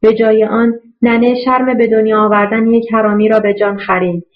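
A woman narrating a novel in a steady, even storytelling voice. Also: fairly high pitch, muffled recording. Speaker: audiobook narrator. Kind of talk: scripted narration.

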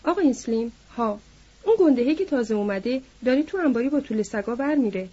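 A woman's voice: on the high side, expressive, warm tone, slightly rough. A woman voicing a worried male stable hand who reports carefully and dutifully, in a storybook reading. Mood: concerned. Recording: dull lo-fi audiobook recording.

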